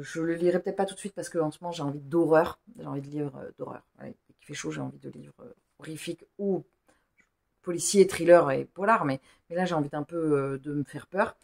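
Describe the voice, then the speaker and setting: A woman's voice: low voice, vocal fry, a little mellow. A woman chatting casually in a book haul vlog, rambling and talking to herself in little asides. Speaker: book YouTuber.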